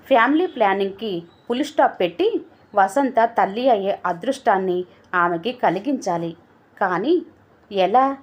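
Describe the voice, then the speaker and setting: A woman narrating a family story in a measured, steady reading voice. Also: mid-range voice. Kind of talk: scripted narration.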